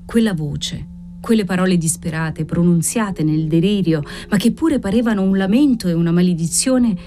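A woman reading a dramatic novel aloud as an expressive audiobook narrator. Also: fairly low pitch, normal speed.

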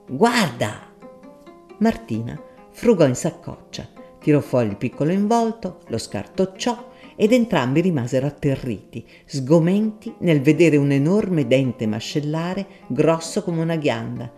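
A man narrating a story in an expressive, measured reading. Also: on the high side. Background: soft guitar music.

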